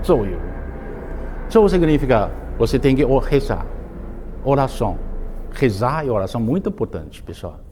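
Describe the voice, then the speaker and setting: Male Taoist teacher, casual lesson delivery, halting non-native phrasing, lively storyteller. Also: slight background noise. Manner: simplified non-native grammar with frequent restarts; storytelling with bursts of raised pitch. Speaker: Taoist master teaching a course. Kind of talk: informal spoken lesson.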